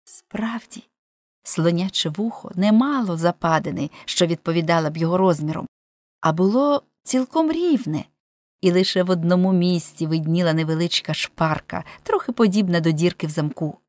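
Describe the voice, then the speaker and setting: Audiobook narrator, female, expressive storytelling, dead-dry close mic. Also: fairly low pitch, normal speed, dry recording.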